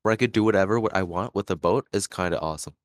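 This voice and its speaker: A man talking eagerly in casual chat, leaning on "like". His voice is very deep. The sound is dry. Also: very fast, no echo. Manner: enthusiastic, filler-heavy. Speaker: podcast co-host.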